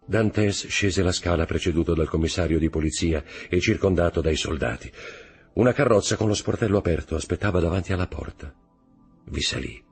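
A man narrating a novel aloud in a measured, dramatic reading style. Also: deep voice, husky. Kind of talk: audiobook narration. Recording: faint background music.

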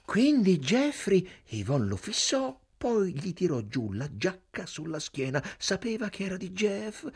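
A man narrating a literary novel as an audiobook, in a measured reading voice. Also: medium pitch, slightly rough.

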